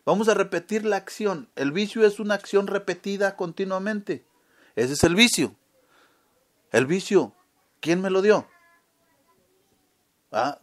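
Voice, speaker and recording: Male preacher with a higher voice, leans on "right?" questions to the audience. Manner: keeps asking the audience "¿verdad?"; asks questions and answers them himself. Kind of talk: sermon.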